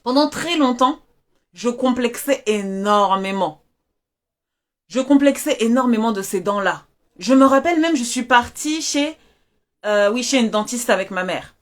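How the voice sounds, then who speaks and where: A woman hosting a live stream as a self-confidence coach, talking in an animated, emphatic way, repeating phrases and asking viewers questions. She speaks through a mask. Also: a little high, a little slow. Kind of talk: motivational live-stream talk. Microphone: wearing a mask while speaking.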